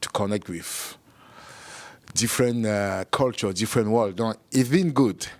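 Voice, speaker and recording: A man from Cameroon, a guest musician, answering interview questions haltingly with many fillers and restarts. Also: fairly low pitch, a little mellow, no echo.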